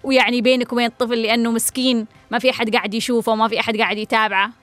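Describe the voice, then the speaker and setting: A woman's voice: a little high, level tone, racing, a bit bright, no echo. A woman giving earnest family advice, repeating phrases for emphasis and putting direct questions to her listeners. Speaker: family counselor. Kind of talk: advice talk on a family case.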